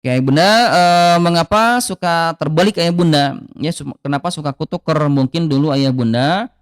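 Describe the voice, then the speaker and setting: A man teaching Quran reading in a live online lesson, patiently repeating Arabic letter sounds slowly as examples. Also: on the high side, clear, resonant tone, dry recording, studio quality.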